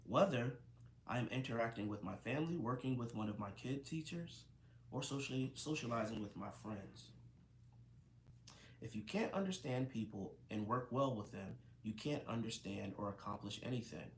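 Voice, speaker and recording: Male reader, mid pitch, casual and self-correcting, roomy recording. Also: animated, moderate pace, a little hiss or hum. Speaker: host reading a book aloud. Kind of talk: reading a book aloud. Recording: roomy echo, faint ambience.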